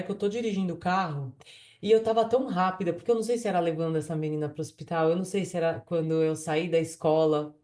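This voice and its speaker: A woman telling a personal story in casual, animated speech, acting out the voices in her quotes and using many fillers. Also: fairly low pitch. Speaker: vlogger recounting a dream.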